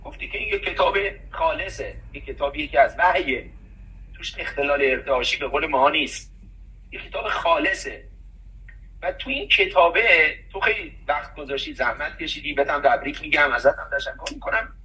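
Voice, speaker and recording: A man with a high, bright voice speaks with preachy emphasis and breaks into recited scripture. He sits a little back from the microphone, so he sounds somewhat distant. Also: animated. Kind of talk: conversational talk, preachy.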